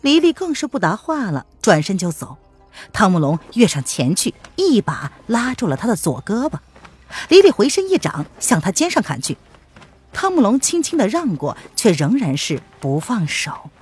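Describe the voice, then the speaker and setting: A woman narrating a martial-arts story as an audiobook, in an expressive storytelling manner. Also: mid-range voice, normal speed, husky, soft background music.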